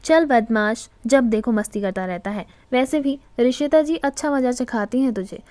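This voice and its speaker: An indulgent older aunt, fond and protective of the family's daughter-in-law, as a woman storyteller puts her on. Her voice sits a little high, close and dry. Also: normal speed, a little mellow, dry recording, lightly acted.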